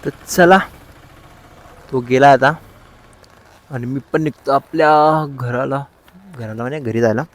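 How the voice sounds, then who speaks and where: A man's voice: mid-range voice, a little slow, pauses often, rough recording. A young man vlogging casually from his motorcycle, joking and rambling in a self-mocking, chatty way. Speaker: motovlogger. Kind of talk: casual rambling vlog chat. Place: outdoors on a motorcycle on city roads. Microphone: newly bought vlogging mic. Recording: loud traffic and engine noise. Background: motorcycle engine and street traffic.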